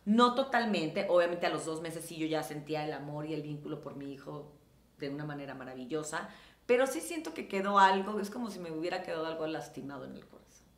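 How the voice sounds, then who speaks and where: A middle-aged Mexican woman talking casually in an interview, animated and acting out quoted dialogue. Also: low-pitched, echoey room. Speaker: guest.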